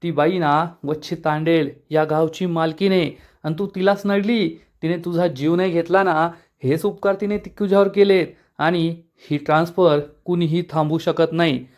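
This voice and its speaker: A man's voice: on the high side, fairly even intonation, normal speed, natural voice. A man voicing a stern senior woman doctor who scolds firmly. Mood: scolding. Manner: scolding, firm.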